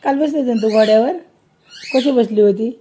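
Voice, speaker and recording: A woman's voice: on the high side, fairly quick, warm tone, a little hiss or hum. A mother talking playfully with her toddler at home, coaxing and teasing her in a sing-song way. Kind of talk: casual talk with a toddler at home.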